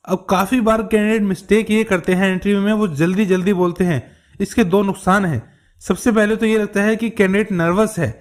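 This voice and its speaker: A man explaining interview tips as a tutor, steadily addressing viewers as friends. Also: high voice. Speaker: English tutor. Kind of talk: explanatory lesson for learners.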